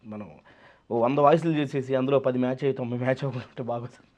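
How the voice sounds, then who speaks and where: A man's voice: medium pitch, fairly even intonation, quick pace, darkish tone. A man, a mimicry artist, chatting casually in an interview and dropping in English phrases. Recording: slightly dull lo-fi sound.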